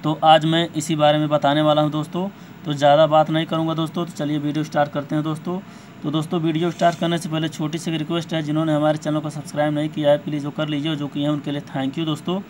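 A tech tutorial host with a slightly high, darkish voice guides viewers step by step through phone settings, speaking quickly and flatly. He is informal and repetitive, hesitating at times. The amateur recording has faint background noise.

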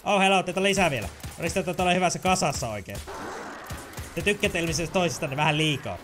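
Lively excitable gamer man. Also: on the high side. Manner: excitable, makes sound effects, chatty. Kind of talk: let's play commentary.

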